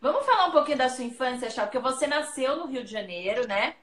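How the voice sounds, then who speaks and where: A Brazilian woman hosting an interview over a video call, chatty and curious, asking quick follow-up questions. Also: high voice, big pitch swings, a crowd in the background. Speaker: interview host. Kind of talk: casual interview.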